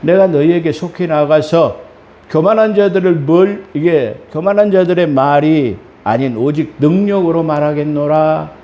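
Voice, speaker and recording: A man's voice: fairly high pitch, moderate pace, warm tone, roomy sound, dull audio. A male pastor preaching a sermon in a conversational style, acting out voices for the people he quotes. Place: church sanctuary.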